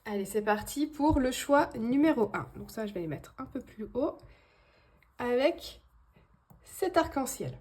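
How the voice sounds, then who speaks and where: A woman's voice: fairly high pitch, animated, unhurried, a little mellow, breathy edge. A woman giving a casual tarot reading to her viewers, hesitant, with many fillers and restarts. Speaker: tarot card reader.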